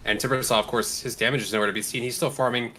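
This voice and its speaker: A man's voice: medium pitch, fairly even intonation, rapid-fire, bright, forceful tone. A man giving analytical live esports commentary in an explanatory way, breaking down strategy.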